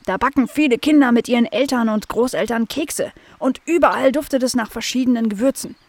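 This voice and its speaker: A calm helpful beaver guy, as a woman puts him on. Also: fairly high pitch, fairly quick, no echo, pitched above the performer's own voice.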